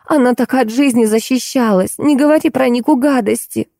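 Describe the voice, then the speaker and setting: A woman voicing an emotional young mother who speaks in a high, drawn-out, pleading way. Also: creaky, warm tone, no echo, studio quality. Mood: defensive.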